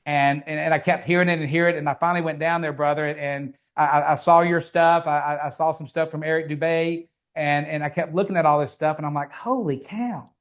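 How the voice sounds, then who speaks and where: A man's voice: a little high, steady tone, a little fast, few pauses. A man on a podcast who talks in casual chat, stammering and restarting, often saying brother. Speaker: podcast host.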